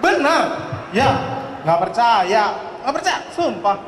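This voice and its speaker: A man's voice: very high-pitched, big pitch swings, slow pace, fairly bright tone. A man from North Sumatra doing a chatty stand-up comedy set and calling the audience friends. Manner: chatty, calls the audience "teman-teman", swears "sumpah". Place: large hall. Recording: echoey hall, faint noise.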